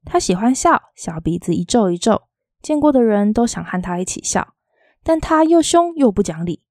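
Soft-spoken woman reading a novel. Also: on the high side, big pitch swings, moderate pace, no echo, studio quality. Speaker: audiobook reader.

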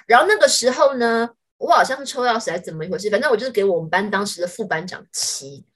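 A woman co-hosting a podcast, chatting casually and telling animated stories. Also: mid-range voice, fast. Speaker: podcast co-host. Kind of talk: casual chat.

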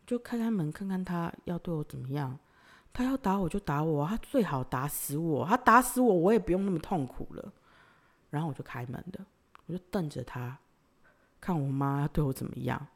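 Emotional woman telling a story. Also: low voice. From Taiwan. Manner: emotional, swinging between loud outbursts and quiet sighs. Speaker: podcast host. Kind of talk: personal storytelling monologue.

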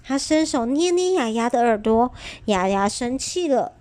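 A mother reading a children's story aloud at bedtime in a gentle, expressive way. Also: fairly high pitch, moderate pace.

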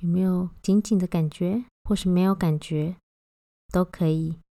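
A woman guiding a body-scan meditation, giving gentle, unhurried instructions with long pauses between phrases. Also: fairly low pitch, steady tone, dry recording, clean studio sound. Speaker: meditation guide.

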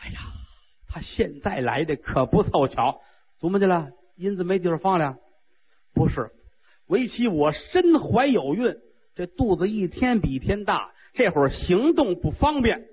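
Blunt warrior queen, plain and composed, voiced by a male storyteller; husky, tinny radio sound. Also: high-pitched, big pitch swings, moderate pace, big-room sound, exaggerated voice. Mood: calm.

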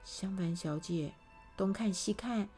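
A woman reading a children's storybook aloud, animated and speaking directly to the little listeners. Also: medium pitch, slow pace, breathy edge, soft background music.

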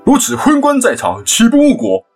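A man's voice: very high voice, wildly swooping pitch, normal speed, breathy edge, soft background music, voice pushed up, heavily acted. A man voicing a fierce, proud male scholar who flares into indignant declaiming. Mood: furious.

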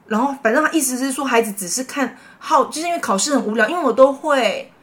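A woman's voice: sits high, fast, a bit bright. A middle-aged woman with a Taiwanese Mandarin accent, a teacher and mother co-hosting a chat podcast, telling stories animatedly and laughing often. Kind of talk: casual chat.

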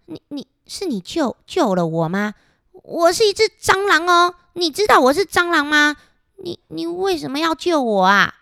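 A woman's voice: high-pitched, big pitch swings, normal speed, bright, forceful tone, no echo, clean studio sound, pitched above the performer's own voice, full character voice. A woman voicing a greedy, grumpy male cockroach in a children's picture-book reading, whining and stammering. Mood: startled. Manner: whiny, stammering. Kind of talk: picture-book read-aloud.

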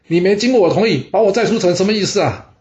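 A hot-headed young prince yelling in outrage, as a male storyteller puts him on, his voice pushed up high and loud over a slightly muffled lo-fi recording. He sounds stung and demanding. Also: animated, rapid-fire, reverberant. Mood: furious. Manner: indignant shouting. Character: proud young prince, quick to anger.

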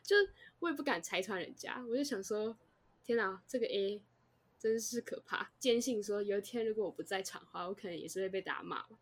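Fast-talking breathy young woman storyteller. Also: mid-range voice. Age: young adult. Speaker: podcast co-host. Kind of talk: casual chat.

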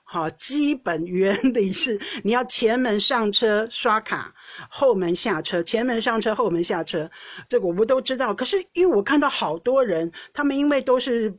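A woman's voice: mid-range voice, no echo. Chatty Taiwanese-accented woman telling a story. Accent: Taiwanese Mandarin. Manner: chatty, frequent self-restarts and small laughs. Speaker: podcast host. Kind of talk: casual storytelling monologue.

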